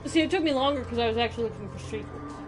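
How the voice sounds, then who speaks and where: A woman's voice: fairly high pitch, rapid-fire, over music. A woman chatting casually and playfully as she plays a game, joking along as co-commentator. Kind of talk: casual let's-play chat.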